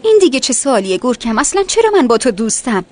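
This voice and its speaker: A woman voicing a sharp-tongued, hurt young heroine in a dubbed TV drama, speaking with sarcasm. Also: a little high, big pitch swings. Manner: sarcastic, biting.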